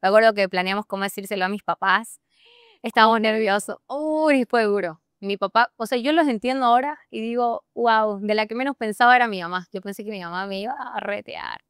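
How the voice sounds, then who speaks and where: A young Bolivian woman with a Santa Cruz accent, a podcast guest telling a personal story in an animated way and laughing often. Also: fairly high pitch, fairly quick, clear, resonant tone, no echo, studio quality. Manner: animated, laughs often, acts out her own past thoughts. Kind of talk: personal storytelling in a casual interview.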